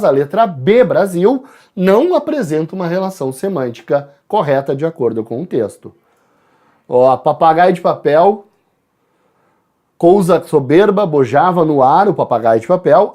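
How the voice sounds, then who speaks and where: A man from Brazil, a teacher walking students through exam answers, calling out letters and addressing the class. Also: sits high. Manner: lively, addresses students directly, spells out letters.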